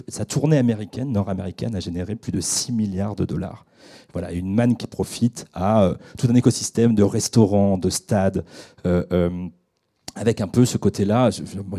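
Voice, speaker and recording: Low, dark-voiced man hosting a radio show. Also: husky. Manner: halting, many fillers and restarts. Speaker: radio debate host. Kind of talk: hesitant unscripted introduction. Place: radio studio.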